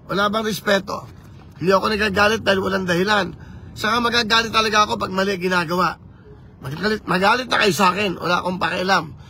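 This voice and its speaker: A man chatting on a live vlog from inside a moving vehicle, talking in an animated and preachy way as he mixes languages. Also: high-pitched, fast talker, a little hiss or hum. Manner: animated, code-switching, preachy. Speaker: vlogger campaigning for office.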